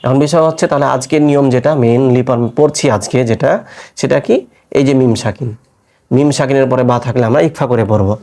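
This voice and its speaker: A man teaching Quran recitation, spelling out letters and marks and then chanting each joined word in a long, drawn-out tone. He asks his listeners questions and answers them himself. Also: medium pitch, mellow. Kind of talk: step-by-step recitation lesson.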